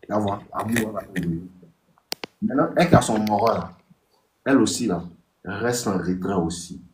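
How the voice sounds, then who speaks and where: A man with an Ivorian French accent giving casual dating advice on a live stream. He talks straight to his listeners, repeats his points and acts out text exchanges in a higher voice. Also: normal speed, darkish tone, slight background noise. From Ivory Coast. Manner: repetitive, addresses listeners directly.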